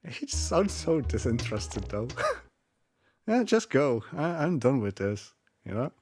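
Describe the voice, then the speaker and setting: Very animated but unhurried, this speedrunner narrates his run in an easygoing, conversational way. His medium-pitched voice has a darkish tone, and game music runs in the background.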